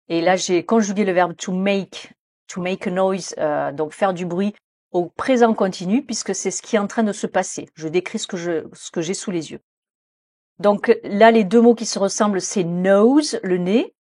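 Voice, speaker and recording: Woman teacher explaining english sounds in french, lots of euh, slows down for examples, dry close mic. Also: mid-range voice, darkish tone, no room sound. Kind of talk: French-language English pronunciation lesson.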